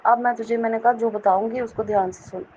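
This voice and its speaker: A middle-aged woman from Jammu earnestly telling a devotional testimony, often pausing to address her listeners respectfully. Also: fairly high pitch, steady tone, mellow. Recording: dull lo-fi recording with faint noise.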